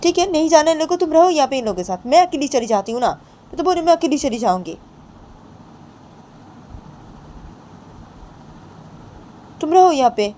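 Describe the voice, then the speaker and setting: A woman voicing a stubborn young woman who retorts defiantly in a raised, high voice. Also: expressive, measured pace, a little mellow, slight background noise.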